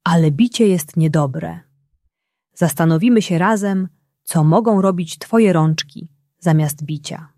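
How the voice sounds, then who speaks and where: A woman voicing a loving, patient mother who speaks calmly and softly. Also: on the low side, measured pace, no echo, studio quality. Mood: gentle. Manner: calm, soft-spoken.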